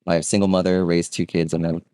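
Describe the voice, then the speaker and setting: Deep-voiced man in his thirties, easygoing interview guest, chatty with fillers, close and dry. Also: a little fast, dry recording. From Vietnam. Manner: relaxed, conversational, frequent fillers and rhetorical "right?". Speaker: guest, real estate agent. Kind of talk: casual interview storytelling.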